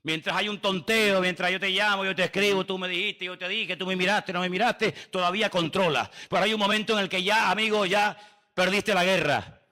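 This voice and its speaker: Emphatic pastor preaching, bright voice. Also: male voice, high voice, fairly even intonation, a little fast. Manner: emphatic, rhetorical questions, mimics others' voices. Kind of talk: sermon.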